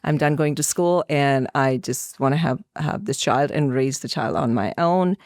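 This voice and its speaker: A middle-aged Indian actor appears as a podcast guest, telling personal stories conversationally and acting out snippets of remembered dialogue. Her voice sits low and is a little mellow, at a moderate pace, captured in a dry, clean studio recording.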